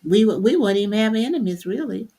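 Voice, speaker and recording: An older woman on a faith talk panel, sharing earnest, unhurried reflections. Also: medium pitch, lively intonation, over a noisy crowd. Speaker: panelist, host's mother.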